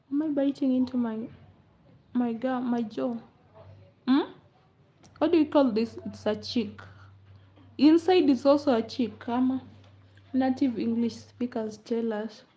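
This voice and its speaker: Slow-talking woman, playful livestream chat. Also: high voice, warm tone. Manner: playful and teasing, laughs often. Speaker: livestream host. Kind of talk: casual live chat answering comments. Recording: dull lo-fi livestream audio.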